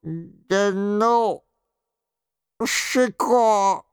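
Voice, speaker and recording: A frightened monk gives nervous, evasive answers, pleading for his life, as a male audiobook reader puts him on. The reading is very slow, smooth and dry. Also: high voice, dry recording, pitched above the performer's own voice.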